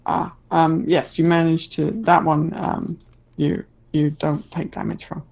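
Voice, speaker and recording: A woman improvising narration as a tabletop game master, with a hesitant, halting delivery. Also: deep voice, flat delivery, creaky, a little mellow.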